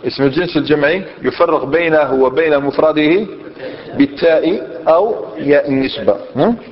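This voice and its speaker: Male teacher, slightly high voice, questioning style; lo-fi recording with a long reverb. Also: fairly quick. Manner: quizzes students with questions, mixes dialect into classical explanation. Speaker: Islamic scholar teaching Arabic grammar. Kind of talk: classroom grammar lesson. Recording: dull lo-fi sound, long hall reverb.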